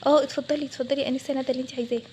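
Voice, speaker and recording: A woman's voice: high-pitched, level tone, racing, warm tone, slight background noise, lightly acted. A woman with an Egyptian Arabic accent voicing a polite, placating male bank manager. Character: calm middle-aged male bank manager.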